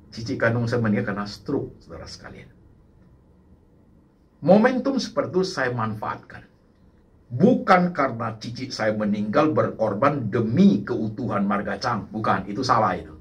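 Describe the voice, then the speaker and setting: A male pastor preaching a sermon in an animated way, slipping English words in and often turning to address the congregation. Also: mid-range voice, moderate pace, pauses often. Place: church service.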